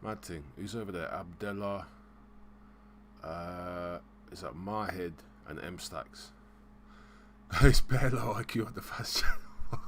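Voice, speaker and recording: A man hosting a casual live stream, rambling and hesitant, giving shout-outs in slang. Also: low-pitched, takes it slowly. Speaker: livestream host.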